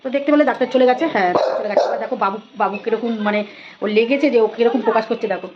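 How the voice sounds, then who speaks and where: A woman's voice: on the high side, rapid-fire, highs cut off, background noise. A woman vlogging at home about her pet dogs, talking casually and often cooing to them in sing-song baby talk. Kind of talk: casual home vlog narration.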